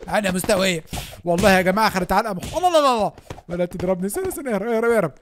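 A young man with an Egyptian Arabic accent giving excited gameplay commentary as a gaming YouTuber, often shouting and laughing. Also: sits high, rapid-fire, a little hiss or hum.

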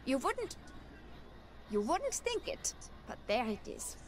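High, theatrical crude witch. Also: sing-song, takes it slowly, heavily acted. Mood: brash, candid. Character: brash, crude female street vendor witch in hell.

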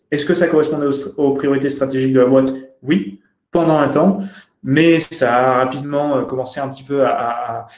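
A man's voice: mid-range voice, a little mellow. A young man giving a webinar talk over slides on a video call, hesitant, with many fillers and restarts. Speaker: conference speaker. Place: indoor room. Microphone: webcam video call. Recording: roomy webcam audio.

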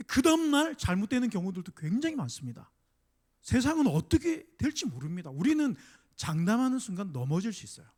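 A middle-aged male pastor preaching a sermon, emphatic, voicing quoted mockers with drama and dropping to a soft, confiding tone for personal stories. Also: high voice. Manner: drops to a soft confiding tone when telling a personal story.

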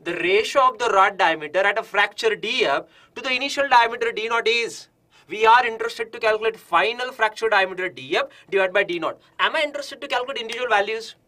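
A man in his thirties with an Indian accent, teaching a live online lesson, encouraging and animated, often repeating phrases and asking questions as he works through problems. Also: sits high, quick pace. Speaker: exam-prep engineering teacher. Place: indoor studio in front of digital board.

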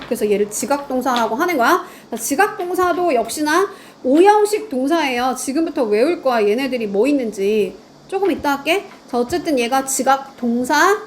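A woman's voice: sits high, slight background noise. A woman teaching grammar in a lecture, quizzing her students and answering her own questions.

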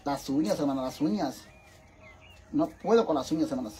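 A man's voice: a little high, lively intonation, normal speed, mellow, soft background music. A man with a Mexican accent talking in a casual cooking vlog. He is dramatic and chatty, swears freely, and keeps calling his viewers sisters. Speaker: vlogger.

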